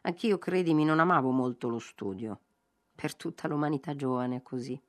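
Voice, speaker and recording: A woman reading the lines of a gentle, courteous young nobleman in a literary audiobook, in a soft, kindly voice. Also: extremely low pitch, moderate pace, no echo, pitched below the performer's own voice. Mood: consoling.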